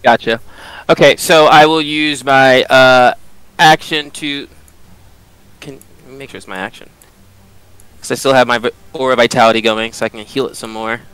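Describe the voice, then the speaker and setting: Clear-voiced man playing a tabletop game. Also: mid-range voice, steady tone, moderate pace, fairly bright tone, no echo, low-quality recording. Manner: hesitant, thinking aloud. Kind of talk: casual game chat.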